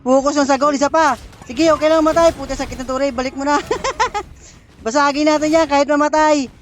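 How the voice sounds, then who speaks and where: A man streaming a mobile game, giving excitable play-by-play commentary, laughing often and taunting his opponents. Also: very high-pitched, brisk. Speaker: gaming streamer. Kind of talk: live gameplay commentary.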